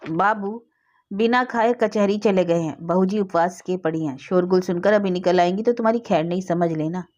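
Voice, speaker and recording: A woman's voice: on the low side, normal speed, darkish tone, lo-fi sound, close to an everyday voice. A woman voicing an outspoken household maidservant who scolds bluntly. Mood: scolding.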